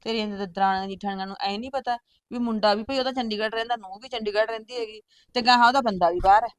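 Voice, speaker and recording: A middle-aged woman playing a patient older sister and farm-living mother who keeps calming her sibling down. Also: a little high, racing, close to an everyday voice. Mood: placating. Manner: soothing, placating, often asks back "huh?". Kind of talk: village family drama acting.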